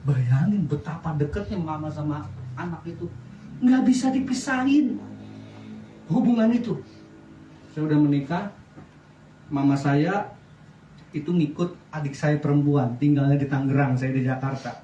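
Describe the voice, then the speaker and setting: A middle-aged man preaching a sermon as pastor, lively, often asking the congregation questions. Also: fairly high pitch, normal speed, pauses often, muffled recording, a little hiss or hum. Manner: lively preaching with wide swings in loudness, asks the congregation questions. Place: church. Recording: echoey church sound from a distance.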